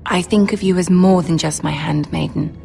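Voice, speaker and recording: An actress playing a poised, commanding young noblewoman in a video game drama, formal and measured. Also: on the low side, fairly even intonation, gravelly, warm tone, soft background music. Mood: wistful. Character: poised, commanding young noble lady, betrothed future queen.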